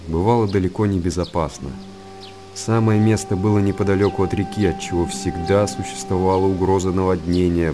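In a radio monologue, a man whose voice sits low voices an old, world-weary hermit monk, lightly acted. His delivery is solemn, thoughtful, and measured.

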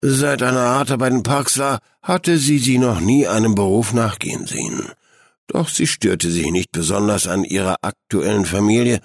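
A man reads a story aloud calmly and evenly. His voice is low and husky, recorded dry and close without room echo. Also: normal speed. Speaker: narrator. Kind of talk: audiobook narration.

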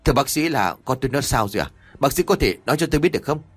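An anxious middle-aged father in an audio story, voiced by a man. He pleads urgently, his husky voice rising and falling widely. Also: medium pitch, expressive, racing, pitched above the performer's own voice.

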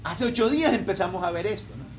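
Male pastor, high voice, preaching with questions to the flock and acted-out dialogue. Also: animated, quick pace, a little hiss or hum. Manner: asks the congregation questions and acts out the people in the story. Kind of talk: sermon.

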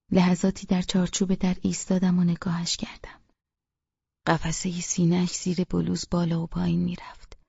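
A woman reading a novel aloud in first person, in a hushed, half-whispered voice. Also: on the low side, vocal fry, slightly rough, dry recording, lo-fi sound. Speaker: audiobook narrator.

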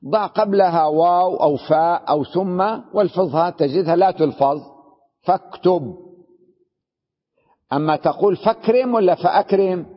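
A man teaching an Arabic grammar lesson, explaining step by step and often putting questions to his students. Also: a little high. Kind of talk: classroom lesson. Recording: dull lo-fi recording in a reverberant hall.

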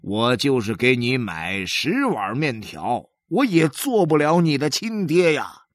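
A man voicing a kindly blacksmith who gently coaxes a crying boy to go home. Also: medium pitch, very animated, measured pace, dry recording, studio quality, pitched above the performer's own voice. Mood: coaxing. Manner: gentle, coaxing.

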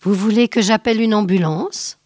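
A woman's voice: mid-range voice, moderate pace, a little mellow, no room sound, lightly acted. Woman reading as a polite concerned waiter.

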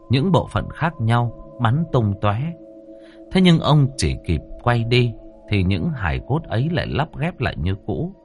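A man narrating a ghost story audiobook in a measured, dramatic storytelling manner. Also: fairly low pitch.

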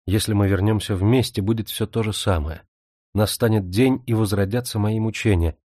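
A young woman torn by jealousy and despair pleads with her younger sister in a low, warm voice, voiced by a male audiobook reader. Her lines come out anguished and urgent. The sound is dry and close. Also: normal speed, no room sound, lightly acted. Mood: resigned.

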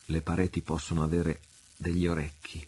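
Man playing a loyal adventurer, grave, measured, deep, husky. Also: little pitch movement, mellow. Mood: grave reassurance. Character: bold loyal male adventurer, calm and grave. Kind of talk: audiobook reading.

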